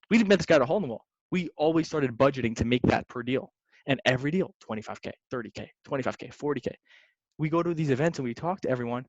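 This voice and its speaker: A young man, a real estate investor, telling stories in a casual podcast chat, slangy and lively, calling people "man" and "dude". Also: mid-range voice, no room sound. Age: young adult. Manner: animated, slangy, says "man" and "dude" often. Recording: dry, slightly dull sound.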